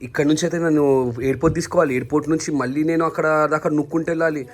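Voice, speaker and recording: A man's voice: on the high side, steady tone, rapid-fire. A man, chatting casually with his family and scolding and coaxing a crying child. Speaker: vlogger, father.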